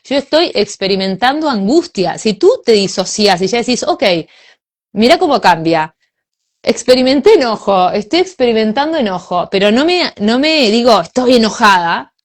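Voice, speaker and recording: A woman with a Rioplatense Spanish accent in a casual spiritual conversation, animated and acting out inner voices with sighs. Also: fairly high pitch, normal speed.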